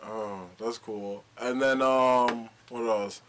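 A man's voice: mid-range voice, steady tone, slow, fairly bright tone, slight background noise. A man in his twenties chatting casually as a podcast co-host, full of slang, laid-back and rambling. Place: small indoor studio. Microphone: large desktop studio microphone.

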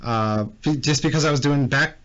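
A man co-hosting a podcast, speaking modestly and low-key, with quick words of agreement. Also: a bit bright, highs cut off. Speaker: podcast co-host. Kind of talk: casual podcast chat.

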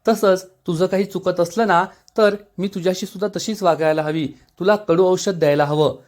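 A gentle young elder sister who patiently explains and reassures, read by a man. The voice sits slightly high and stays level and calm. It is a plain read, not a strongly acted one. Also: normal speed, close to an everyday voice.

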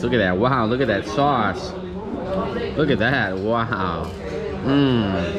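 Excitable man vlogging with loud crowd behind. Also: medium pitch. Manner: enthusiastic, says wow a lot. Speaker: travel vlogger. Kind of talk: casual travel vlog. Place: seaside restaurant and promenade, indoors and out. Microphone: handheld action camera at arm's length.

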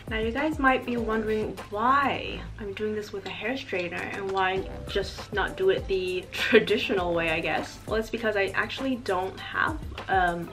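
A young woman in her twenties chatting casually while she styles her hair, recorded indoors in her living room by a camera in front of her. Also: medium pitch. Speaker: beauty vlogger. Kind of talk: hair tutorial. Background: background music.

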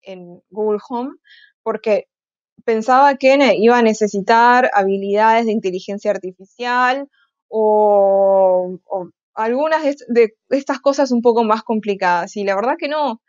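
A woman speaks in a fairly high voice at an online tech conference, pausing often on filler sounds and restarting her phrases. The audio is dull and lo-fi, with a dry, close sound. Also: dry recording.

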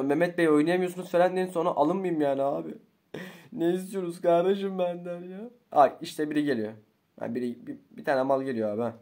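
A young man, commentating his own gameplay casually, slangy and excitable, swinging between low muttering and loud outbursts. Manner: slangy, swears often. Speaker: gaming YouTuber.

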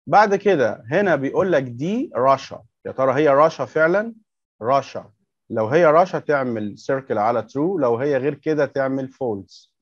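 A man's voice: mid-range voice, dry recording, highs cut off. Patient Egyptian teacher, man. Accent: Egyptian Arabic. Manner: patient, repeats words slowly and asks questions. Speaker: English teacher for young children. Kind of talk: workbook lesson explained step by step.

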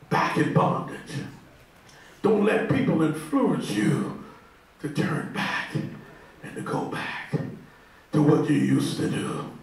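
A man preaching a sermon in a church sanctuary, speaking into a handheld mic with impassioned, drawn-out calls to the congregation. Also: very high-pitched, creaky. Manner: impassioned call-and-response preaching, shouting in sustained whoops. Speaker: pastor. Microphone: handheld microphone. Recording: very echoey church from far off, with congregation and organ.

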